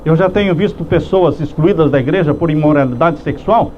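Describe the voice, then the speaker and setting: High-voiced pastor preaching with emphatic pauses. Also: male voice, a little mellow. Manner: preaching slowly with emphatic pauses, acting out heartfelt prayers. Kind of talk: sermon. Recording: dull lo-fi sound with faint background noise.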